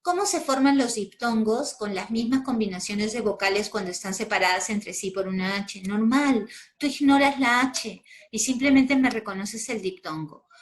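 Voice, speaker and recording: Slow, patient Peruvian woman teacher. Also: mid-range voice. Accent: Peruvian Spanish. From Peru. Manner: patient, explains step by step with check-in questions. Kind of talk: spoken grammar lesson.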